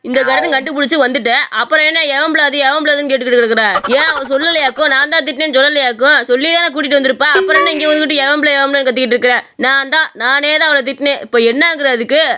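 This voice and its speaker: A woman's voice: high voice, fairly even intonation, very fast, hardly any pauses, noisy background, close to an everyday voice. A woman voicing an irritated village shopkeeper man in a cartoon story, scolding and quarrelsome. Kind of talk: Tamil cartoon story voice acting.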